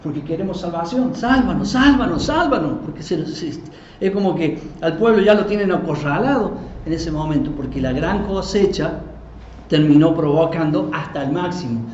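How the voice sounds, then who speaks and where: A man who is a pastor, giving a live Bible teaching in a conversational, animated way and acting out quoted voices. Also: a little high, moderate pace. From Argentina. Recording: roomy, dull live recording with faint noise.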